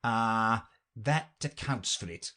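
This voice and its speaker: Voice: medium pitch, expressive, takes it slowly, sharp tone. A reader voicing an eccentric grown man who rambles theatrically, swinging between mournful and bossy.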